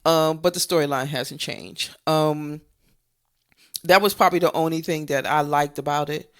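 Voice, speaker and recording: A woman co-hosts a casual movie review show, speaking conversationally at a normal pace in a low-pitched voice. She repeats her points to emphasize them.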